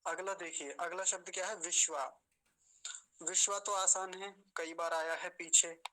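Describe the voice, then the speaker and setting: A man leads an online pronunciation class with a patient, courteous manner. His voice is bright and forward. He stretches out difficult words and repeats them slowly, one syllable at a time. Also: sits high, steady tone, low-quality recording. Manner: slows down to spell out syllables, repeating words carefully; patient, polite, addresses students respectfully. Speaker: teacher of mantra pronunciation.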